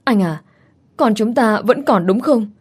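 A woman's voice: on the high side, animated, a little slow, a little mellow, husky, pitched above the performer's own voice. A woman reading the lines of an affectionate young wife in a storybook, with a coaxing, sweetly whiny way of talking.

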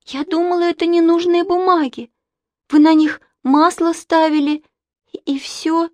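A woman voicing a timid little girl who pleads in a high, breathless voice. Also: flat delivery, unhurried, a little mellow, no room sound. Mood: pleading.

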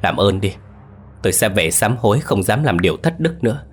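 A man's voice: on the low side, lively intonation, fairly quick, breathy edge, soft background music. A man voicing a boastful old male sorcerer who swaggers at first and later begs for his life. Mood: begging. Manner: boastful, then pleading.

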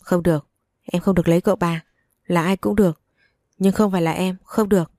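A woman's voice: fairly low pitch, fairly even intonation, fairly quick, mellow, no room sound, clean studio sound, lightly acted. A woman voicing a shaken young wife who speaks insistently in an audio story. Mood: frantic. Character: distraught young wife, tense and desperate.

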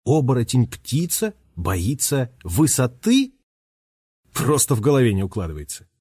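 A man narrating a children's audiobook in an expressive way, giving each character a voice. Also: mid-range voice, unhurried, breathy edge, no room sound, clean studio sound. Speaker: audiobook reader.

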